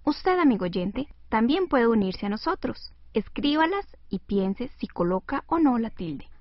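A woman hosting a scripted educational radio lesson, dictating words slowly and clearly and encouraging the listener. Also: fairly high pitch, big pitch swings, no echo. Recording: dry, lo-fi radio recording.

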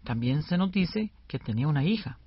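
A man co-hosting a scripted educational radio lesson in a lively, explanatory way, on a dull lo-fi recording. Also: fairly high pitch, a little fast, slightly rough, no room sound.

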